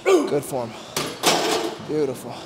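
High-voiced trainer coaching in a gym. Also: male voice, huge pitch swings, very noisy. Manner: instructive, brisk cues and encouragement. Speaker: personal trainer. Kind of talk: coaching through a workout. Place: large indoor gym. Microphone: lapel mic.

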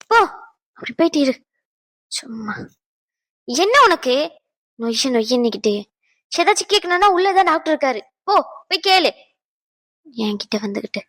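A woman voicing a sharp-tongued, nagging middle-aged mother in a cartoon dub. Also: high voice, no echo. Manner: scolding, nagging, rapid-fire. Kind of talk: cartoon dubbing.

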